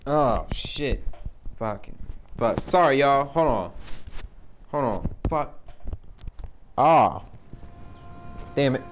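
Male gamer, headset mic, slow lively delivery, profane reactions, light hiss. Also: medium pitch. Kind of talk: casual gameplay commentary.

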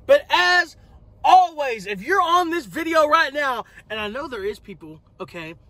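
An eighteen-year-old man talks earnestly into a phone propped up in a parked car. His pitch moves up and down a lot, and he shifts from heartfelt remarks to an upbeat channel plug. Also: sing-song, moderate pace, sharp tone, dry recording. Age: late teens. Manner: earnest, preachy at times, plugs the channel. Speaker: vlogger. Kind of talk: casual vlog chat. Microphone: phone camera held on the dashboard.

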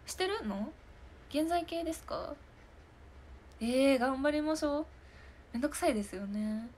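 Chatty giggly girl in her 20s answering comments on a stream, voice a bit high, faint room noise. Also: expressive, normal speed, a little mellow. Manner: giggly and chatty, often laughing. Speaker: idol hosting a live stream talk show. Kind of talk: casual chat answering viewer comments.

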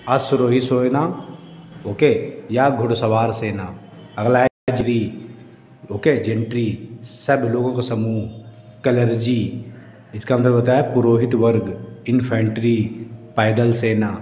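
A man with a mellow, medium-pitched voice teaches an English grammar lesson, explaining words one at a time. He drills examples and says "okay" often, in an echoey room with faint ambient noise.

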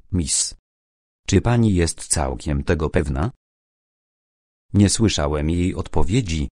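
A man narrating an audiobook in a measured, dramatic storytelling manner. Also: sits low, mellow, dry recording, clean studio sound. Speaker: audiobook reader.

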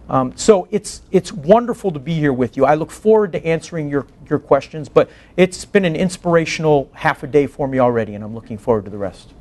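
A public defense advocate in his forties gives a guest lecture at a faculty colloquium with questions, held in an indoor meeting room. His mid-range voice is slightly mellow, and he speaks earnestly and emphatically, ending points with "right?".

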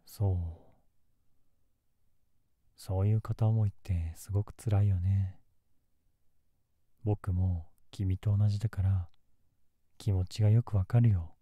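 A man playing a gentle, melancholy young man in love, in a soft, intimate ASMR role-play close to the mic. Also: deep voice, steady tone, slow, long pauses, no echo. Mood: tender, sympathetic. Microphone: close ASMR microphone in a dry space.

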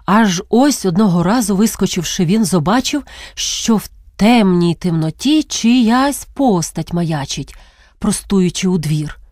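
Woman reading literary prose, measured. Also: medium pitch, no echo, studio quality. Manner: measured, expressive storytelling with drawn-out pauses. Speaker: narrator.

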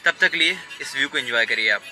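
Talking straight to his viewers from inside a car, a travel vlogger chats casually about where he's headed next. His mid-range voice is animated and a little fast, with loud music behind it on a low-quality recording.

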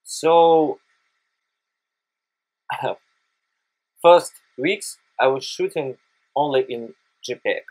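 A Russian-accented man speaks slowly and haltingly in a medium-pitched, slightly mellow voice, hosting a screen-recorded photography software tutorial. He is hesitant, pausing often with "uh" and phrasing things carefully as a non-native speaker. The recording is rough.

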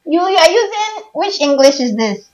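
A Ghanaian-accented woman trades jokey arguments over pronunciation. Her voice is high and full of sweeping pitch jumps. She disputes every word with a laugh close behind. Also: big pitch swings, normal speed, lo-fi sound. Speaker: guest. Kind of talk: playful accent challenge banter.

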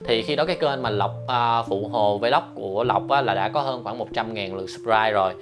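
A lawyer who hosts a commentary vlog talks straight to his viewers in a fairly low, slightly quick voice over a noisy background. He fills his speech with hesitations and refers to himself by name in the third person.

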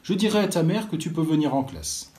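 A man's voice: a little high, sing-song, a little fast, darkish tone, pitched above the performer's own voice. A man voicing a stern but kindly male village schoolteacher in a told story.

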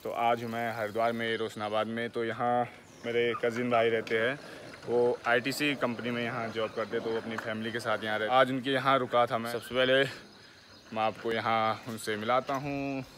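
A man's voice: medium pitch, little pitch movement, a little fast, a bit bright, a little hiss or hum. A young man chatting casually to his viewers while vlogging outdoors, filmed on a handheld phone. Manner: chatty, addresses viewers as friends. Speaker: travel vlogger. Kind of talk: casual vlog narration. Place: outdoors on streets and a rooftop. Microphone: phone camera at arm's length.

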